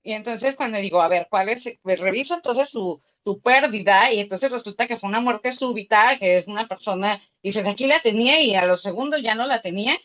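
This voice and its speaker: A woman's voice: medium pitch, fairly quick, few pauses, a bit bright. A woman, a psychologist, explaining grief in an interview and often checking in with her listener. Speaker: psychologist guest. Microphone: video call. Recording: muffled lo-fi call audio.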